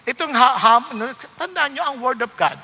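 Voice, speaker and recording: A pastor with a Filipino accent preaches a sermon in a very high-pitched, brisk voice with a breathy edge. He's animated, mixing Tagalog and English and acting out the voices of complainers. A long hall reverb surrounds the recording.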